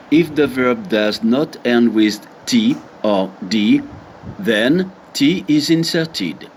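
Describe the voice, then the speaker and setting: A man reading a French textbook lesson aloud, deliberate and reading out examples one by one. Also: mid-range voice, a little hiss or hum. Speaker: French teacher.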